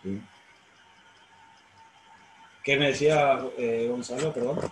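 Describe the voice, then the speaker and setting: Profesor argentino de mediana edad, clase por videollamada, algo de ruido de fondo. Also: male voice, mid-range voice, fairly even intonation, takes it slowly. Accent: Argentine Spanish. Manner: explanatory, frequent fillers and self-corrections. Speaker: law professor. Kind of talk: online university lecture. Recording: roomy sound, faint noise.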